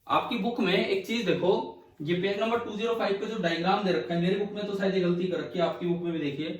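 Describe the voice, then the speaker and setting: A man's voice: high voice, quick pace, far from the mic. Man, teacher, classroom lecture, questioning, echoey room. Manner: questioning, explains step by step. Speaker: physics teacher.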